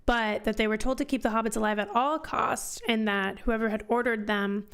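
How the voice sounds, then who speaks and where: A woman's voice: a little high, steady tone, moderate pace, fairly bright tone, clean tone. A woman hosting a book club live stream, chatting casually and rambling as she answers questions from chat. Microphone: headphones on, desk mic.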